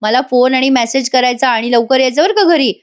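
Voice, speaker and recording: A woman's voice: high voice, fairly quick, natural voice. A woman voicing a fussy middle-aged mother who scolds her son. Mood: scolding.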